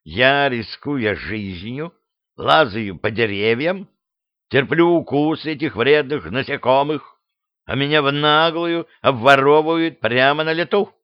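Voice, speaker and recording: A man's voice: mid-range voice, measured pace, no room sound, voice pushed up, natural voice. A man voicing a grumbling, indignant male forest honey-gatherer in an audiobook reading, on a dull, dry recording.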